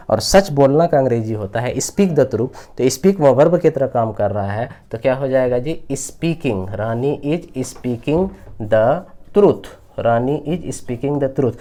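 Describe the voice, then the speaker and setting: A man teaching an English grammar lesson, patiently explaining, calling his students children and slowly repeating example sentences. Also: mid-range voice, dark tone. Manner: explains patiently and rephrases often. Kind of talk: classroom grammar lecture.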